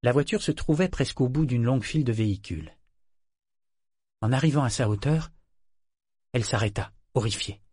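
A man narrating an audiobook in a measured, even reading. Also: mid-range voice, breathy edge, no echo, clean studio sound.

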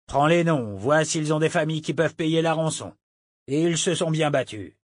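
A man voices a cheerful, sarcastic pirate captain who drawls his threats, pitching his fairly high voice above his natural one while staying close to an everyday sound. He speaks at a moderate pace in a dry, studio-quality recording.

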